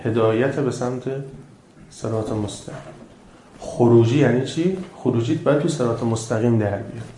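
A man giving a sermon to a live audience, swinging between loud, emphatic bursts and low, quiet asides, reciting scripture verses slowly and deliberately and asking his listeners questions. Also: background noise. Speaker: religious lecturer. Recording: echoey room.

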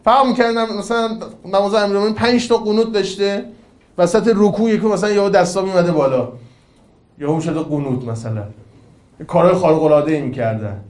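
Animated man giving a casual religious talk. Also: high-pitched, reverberant. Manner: conversational, animated, quips and rhetorical questions. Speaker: cleric lecturer.

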